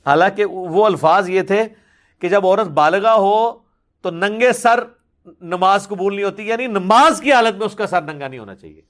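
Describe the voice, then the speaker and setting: A man's voice: high voice, a bit bright. A man giving a religious question-and-answer talk, reasoning patiently and pressing hard on his key points.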